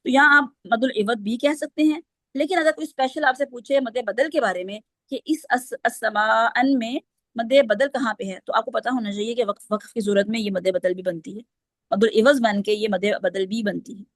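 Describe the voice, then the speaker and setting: A woman's voice: fairly high pitch, moderate pace, fairly bright tone, no room sound. A woman teaching Quranic recitation rules, explaining step by step and quizzing her students. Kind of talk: online class lesson.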